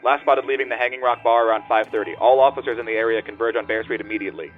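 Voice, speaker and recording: A clipped police chief barking a dispatch, as a man plays him, squeezed thin through a tinny police radio. The delivery comes quick and raised, with faint music behind. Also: mid-range voice, fairly even intonation. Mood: urgent.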